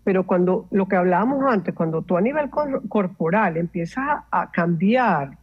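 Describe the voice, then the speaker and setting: A woman, a meditation coach explaining calmly and instructively, mixing in English words. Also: fairly low pitch, moderate pace, breathy edge, lo-fi sound. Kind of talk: explanatory interview talk.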